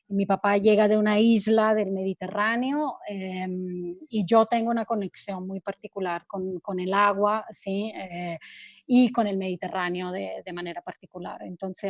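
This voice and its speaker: Italian woman speaking halting, hesitant Spanish. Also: mid-range voice, no echo, clean studio sound. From Italy. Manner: hesitant, many repeated words and "¿sí?" checks. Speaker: guest photographer. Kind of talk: online talk interview.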